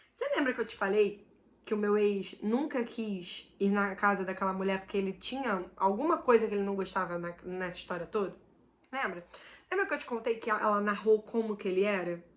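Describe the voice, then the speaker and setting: A woman hosting a vlog, telling a supernatural story in an animated way, dropping to a hush and then bursting out loud. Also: mid-range voice. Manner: animated, swings between hushed and loud outbursts. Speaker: channel host.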